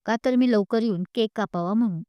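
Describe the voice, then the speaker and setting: A woman's voice: fairly high pitch, fairly quick, no room sound, dull audio, natural voice. A woman voicing a spirited young woman who teases and talks with a laugh, in an audio story. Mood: teasing. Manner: teasing, laughing as she talks.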